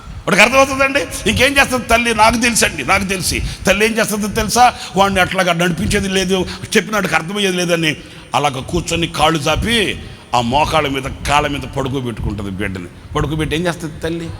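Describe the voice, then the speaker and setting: A man preaching a sermon as pastor, swinging between shouted refrains and hushed low asides and calling out questions to the congregation. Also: fast. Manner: questions the congregation and calls for responses. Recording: reverberant hall with faint background noise.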